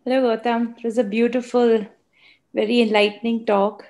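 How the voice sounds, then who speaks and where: A woman's voice: fairly high pitch, level tone, moderate pace, a little mellow. Hesitant, earnest woman sharing. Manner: hesitant, earnest, with many fillers. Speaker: participant sharing. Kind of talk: sharing a personal reflection.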